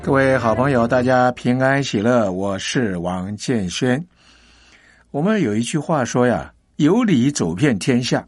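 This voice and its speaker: A man telling a moral story in a lively, chatty way, with many rhetorical questions to the listener. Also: medium pitch, measured pace. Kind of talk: radio storytelling.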